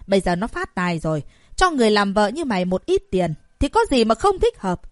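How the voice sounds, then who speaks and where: A woman's voice: mid-range voice, very animated, normal speed, dry recording, clean studio sound, close to an everyday voice. A woman voicing a greedy, domineering middle-aged mother in an audiobook, scolding and wailing melodramatically. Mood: demanding. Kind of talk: audiobook character voice.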